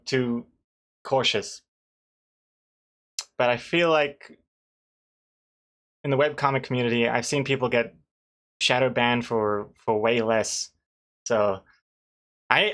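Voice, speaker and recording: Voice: medium pitch, fairly bright tone. A webcomic artist chatting casually and rambling, thinking aloud in a hesitant way.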